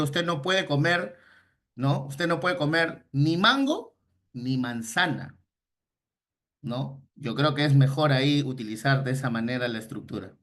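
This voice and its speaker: A man's voice: mid-range voice, fairly bright tone. A man teaching an online grammar class, explaining patiently and often checking that students follow. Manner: explains patiently, checks understanding with frequent short questions.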